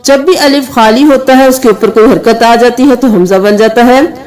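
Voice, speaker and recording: A woman's voice: on the high side, darkish tone. A woman teaching Quran recitation, patiently spelling out letters and vowel marks one by one. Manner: slow, patient letter-by-letter explanation, with sung recitation between. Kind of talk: tajweed lesson, spelling out letters.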